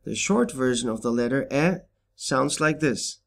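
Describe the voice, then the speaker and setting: Slow male teacher. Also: mid-range voice, expressive, creaky. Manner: slow, deliberate, pausing on example words. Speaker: language teacher. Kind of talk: scripted instructional narration.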